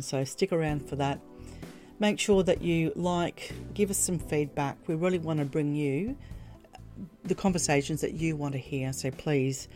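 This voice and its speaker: Low-voiced playful woman podcast host. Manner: playful, gushing, teasing. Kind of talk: casual interview chat.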